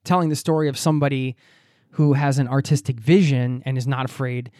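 A man's voice: mid-range voice, fairly quick, no echo. Dry-sounding American male podcast host. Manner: reflective, animated storytelling with laughs. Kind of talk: podcast interview.

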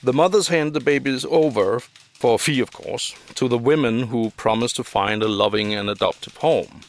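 An actor playing a serious police reporter in a period drama, measured and courteous. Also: male voice, mid-range voice, lightly acted. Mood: grave.

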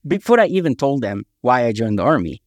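A man's voice: mid-range voice, a little fast, no room sound. Man telling army stories. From Egypt. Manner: animated, emphatic anecdotes. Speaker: guest, author and army veteran. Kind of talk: casual interview storytelling.

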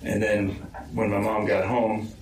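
Low, flat-voiced man recalling hesitantly. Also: slight background noise. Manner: hesitant, slow, many ums. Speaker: interviewee, victim's son. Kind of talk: recorded interview, recounting. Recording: roomy far-off interview mic.

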